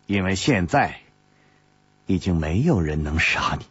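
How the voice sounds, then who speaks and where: A man voicing a calm, composed young woman, a former sect saint, in a storytelling audiobook, speaking softly and slowly. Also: deep voice, husky, no room sound, pitched below the performer's own voice, heavily acted. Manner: soft, slow and composed. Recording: dull lo-fi dry recording.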